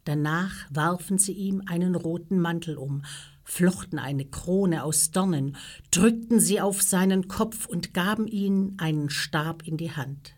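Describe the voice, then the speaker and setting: A woman tells a Bible story for children in a slow, measured way. Her voice sits low, and she reads at an unhurried pace. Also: darkish tone. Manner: slow, measured reading, raising her voice for quoted speech.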